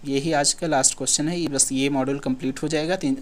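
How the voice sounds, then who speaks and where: Casual, slightly high-voiced male teacher. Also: fairly even intonation, quick pace. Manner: casual, repeats himself, asks and answers his own questions. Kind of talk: exam-prep lesson, solving questions.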